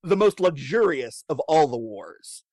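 A man co-hosting a casual chat, telling food history with wry, deadpan jokes. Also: a little high, a little slow, no echo, clean studio sound. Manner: wry, deadpan jokes, laughs at own lines. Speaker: podcast co-host telling history.

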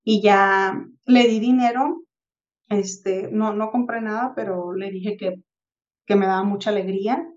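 In casual podcast chat, a Mexican co-host in her thirties from Tijuana recounts a reflective everyday story, animatedly voicing the people she quotes. Her pitch is medium and the audio is dull.

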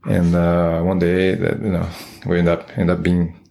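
A man's voice: deep voice, completely flat delivery, moderate pace, vocal fry, warm tone. A Brazilian man in his forties with a Brazilian Portuguese accent, speaking as an interview guest, with many fillers and restarts. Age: 40s. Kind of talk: casual interview.

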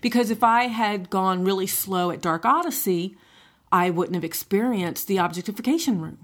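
A woman's voice: mid-range voice, moderate pace. A middle-aged woman co-hosting a podcast, talking casually and often checking in with "right?" and "you know". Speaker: podcast co-host. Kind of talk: casual chat.

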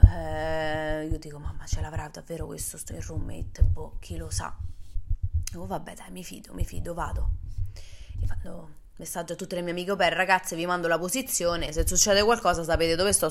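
Young woman, from Italy, low-pitched voice, animated storyteller, vlog chat. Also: noisy background. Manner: animated, acts out dialogue with big pitch jumps. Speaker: vlogger. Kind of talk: casual storytelling to camera.

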